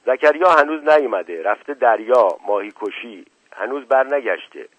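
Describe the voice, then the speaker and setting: A man's voice: medium pitch, expressive, husky, dry recording, pitched above the performer's own voice. A man voicing an older male village headman, a blunt go-between, speaking in a raised, emphatic voice, heard on a lo-fi radio recording.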